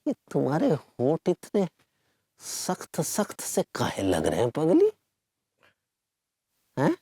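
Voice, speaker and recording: A short-tempered, jealous husband with a gravelly voice that leaps wildly up and down in pitch. He blusters and shouts, stammering when upset, in a TV sitcom scene. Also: huge pitch swings, slow, exaggerated voice. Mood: blustering.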